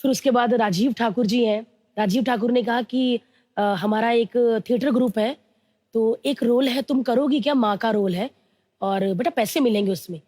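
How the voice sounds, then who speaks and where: A woman in her thirties from India, telling her life story in an interview, slowly and earnestly, mixing English words into her talk. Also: a little high, mellow, no echo, clean studio sound. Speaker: interview guest.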